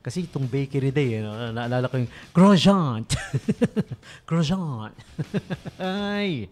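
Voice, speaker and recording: A man's voice: medium pitch, slow pace, darkish tone. A man with a Filipino accent hosting a casual radio show, joking and chuckling at his own puns. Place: radio studio.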